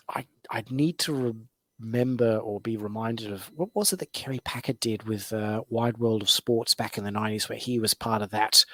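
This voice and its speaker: A man's voice: lowish voice, fairly bright tone, no room sound. Wry rambling man. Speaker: podcast co-host. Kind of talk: casual opinion chat.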